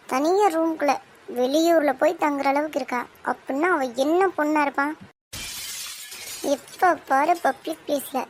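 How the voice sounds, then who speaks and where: Woman playing a middle-aged cartoon mother-in-law, high voice, bossy, scolding, self-righteous. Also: a little hiss or hum, close to an everyday voice. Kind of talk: cartoon soap drama voice acting.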